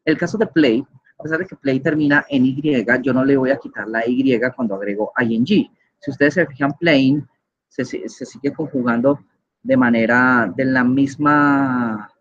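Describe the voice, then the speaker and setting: A man teaches English grammar in an online lecture, patient and explanatory, often checking in with his listeners. His mid-range voice is slightly rough, and the audio is dull.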